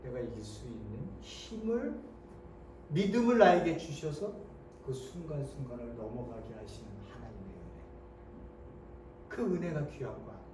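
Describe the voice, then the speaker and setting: A male pastor preaching a sermon, moving between hushed tones and loud rhetorical questions. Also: medium pitch, big pitch swings, normal speed, long pauses, noisy background. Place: church sanctuary. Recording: echoey church hall, mic from a distance.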